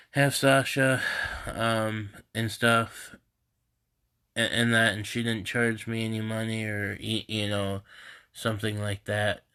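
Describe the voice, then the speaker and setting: A man with a stuffy, congested nose, talking in a halting, rambling way on a casual live stream from home into his phone. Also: lowish voice, pushed and bright, clear, resonant tone. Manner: halting and rambling, many restarts. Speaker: host of a live group stream. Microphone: phone camera.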